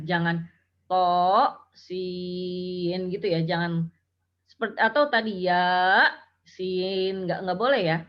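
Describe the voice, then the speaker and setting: A woman teaching Quran recitation rules, explaining patiently and chanting example syllables. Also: on the low side. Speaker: tajwid teacher. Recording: dull lo-fi audio.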